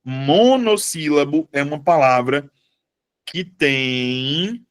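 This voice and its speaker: A man teaching a live online Portuguese lesson, chatty and lively, often putting questions to his students. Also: on the high side, takes it slowly, smooth, dry recording, clean studio sound.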